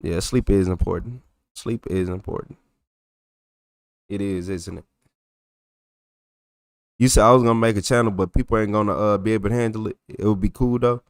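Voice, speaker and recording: A man's voice: lowish voice, steady tone, moderate pace, long pauses, smooth, no room sound, clean studio sound. A young man with a thick Texas accent, chatting loosely on a livestream and reacting to messages from his chat. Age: young adult. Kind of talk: casual livestream chat reading comments.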